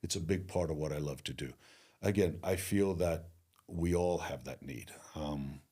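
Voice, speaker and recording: Middle-aged male coach-speaker from Greece. Very deep and husky, earnest and motivational in interview. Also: dark tone. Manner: earnest, motivational, slows down on key phrases. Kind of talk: interview conversation.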